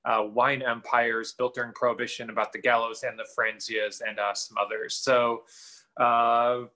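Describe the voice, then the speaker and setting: Bright-voiced man hosting a show. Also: mid-range voice, level tone, normal speed, poor audio. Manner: upbeat, chatty, many fillers. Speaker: host. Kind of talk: hosting a virtual talk show. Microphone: video call.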